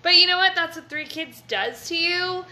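A woman co-hosting a casual chat, animated and swearing freely as she tells stories. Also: extremely high pitch, normal speed, echoey room, a little hiss or hum.

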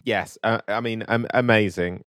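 A man's voice: lowish voice, steady tone, moderate pace, fairly bright tone, no room sound, clean studio sound. A man co-hosting a comedic chat, laughing often, stammering and repeating words as he plays dumb. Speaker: co-host.

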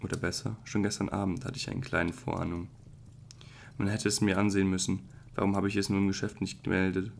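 A man's voice: deep voice, little pitch movement, creaky, slight background noise. A man reading a flustered young clerk, pleading. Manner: hurried, apologetic, stumbling over words. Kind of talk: audiobook reading.

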